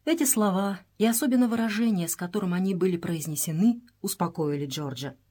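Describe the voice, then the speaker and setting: A woman's voice: on the low side, fairly quick, mellow. Woman reading an adventure audiobook. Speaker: audiobook reader. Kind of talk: audiobook narration.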